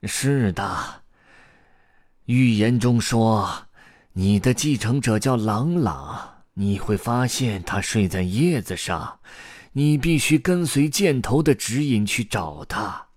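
Man playing a tired old grandpa storyteller, slow and sighing, storybook reading, dry close sound. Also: mid-range voice, expressive, no room sound, voice pushed up. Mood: pleading. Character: weary, tearful old male storyteller grandpa.

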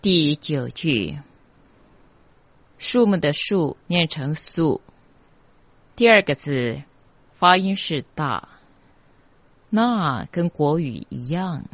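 Very slow, deliberate Taiwanese Mandarin teacher. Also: mid-range voice, animated, a bit bright, no room sound. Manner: deliberate, spells out and repeats each syllable. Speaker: teacher of mantra pronunciation. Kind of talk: slow step-by-step pronunciation lesson. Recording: dull, dry, lo-fi recording.

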